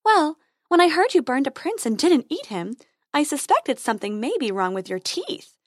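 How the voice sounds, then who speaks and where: A cheerful tooth fairy speaks in a high, brisk, bossy chirp, as a woman puts her on. Her voice leaps up and down with energy. The sound is close and dry. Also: sing-song, no echo.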